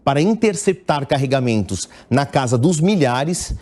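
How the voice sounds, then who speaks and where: With a medium-pitched, animated and slightly mellow voice, a middle-aged man speaking with a Brazilian Portuguese accent delivers news analysis as an international editor. He's measured and explanatory, making small restarts along the way.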